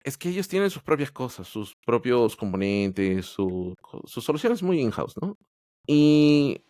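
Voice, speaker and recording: A Peruvian podcast guest who works as an Android developer tells his story in casual interview style, candidly and tentatively, with lots of restarts. His mid-range voice is a little mellow, and the studio-quality audio has no room sound.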